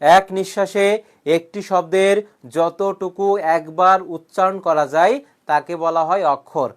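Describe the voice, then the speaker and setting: A male coaching teacher giving an online grammar lecture, drilling students with repeated questions and answers, joking with threats and often clearing his throat. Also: high voice. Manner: jokingly threatens students who have not shared the class.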